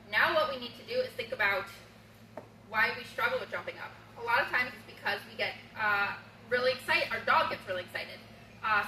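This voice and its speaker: Woman dog trainer, high bright voice, upbeat and instructive, roomy distant sound with faint room hum. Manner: upbeat, instructive, bursts into high-pitched baby talk for the dog. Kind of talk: training demonstration. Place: room in a home.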